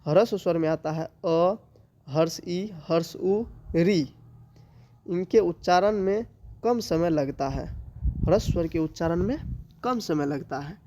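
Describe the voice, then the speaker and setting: A male teacher with a Bihari accent giving an exam-prep grammar lesson, listing items slowly and answering his own questions. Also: sits high, mellow. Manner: slow, drawn-out listing with rhetorical questions he answers himself.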